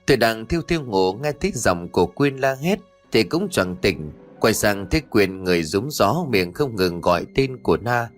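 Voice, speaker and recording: A man tells a horror story in a steady, measured reading voice, pitched low, with faint music underneath. The delivery stays even and deliberate as he narrates.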